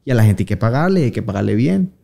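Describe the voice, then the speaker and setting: A man in his thirties with a Colombian Paisa accent, chatting casually in an interview, slangy and relaxed, acting out the voices of people he quotes. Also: medium pitch, quick pace, creaky. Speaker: interviewed singer.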